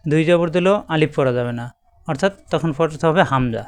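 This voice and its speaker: A man with a Bangladeshi Bengali accent teaching a patient, step-by-step Quran reading lesson, repeating letters slowly. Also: a little high, smooth.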